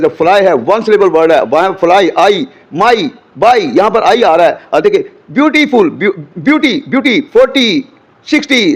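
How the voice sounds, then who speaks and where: A man, an English teacher explaining grammar to an interviewer in an earnest, step-by-step way. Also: high-pitched. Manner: earnest, drills English examples slowly and clearly.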